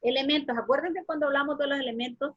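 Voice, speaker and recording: A woman's voice: high voice, fast. A woman teacher giving an online class, hesitant with many fillers and restarts, asking her students questions. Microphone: video call. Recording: muffled lo-fi online call audio.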